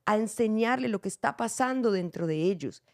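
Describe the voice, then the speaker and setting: Middle-aged woman, podcast host and theater director, gravelly, animated storyteller, dry sound. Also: mid-range voice, fairly quick, no echo. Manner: animated, acts out quotes with shifting voices. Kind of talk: casual family podcast chat.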